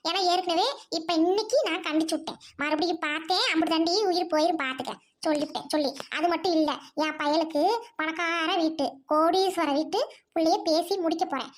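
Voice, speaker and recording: A furious rich village mother shrieks insults in a fast, piercing voice, played by a woman. She scolds without pause in a domestic audio drama. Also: very high voice, steady tone. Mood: scornful. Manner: shouting insults, scolding hard.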